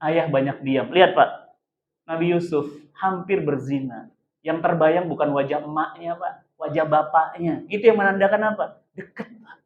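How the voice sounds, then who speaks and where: A man preaching a lively sermon to a congregation, posing rhetorical questions and answering them himself. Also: fairly high pitch, moderate pace. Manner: keeps addressing listeners as "Pak". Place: mosque hall. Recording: echoey, dull room sound.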